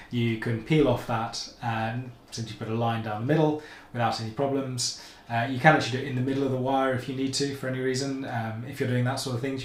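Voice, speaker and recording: Male maker host, casual rambling demo, mid-pitched, recorded in an echoey home kitchen. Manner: rambling, chatty, self-correcting with asides. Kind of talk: casual tool demonstration. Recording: echoey room, faint ambience.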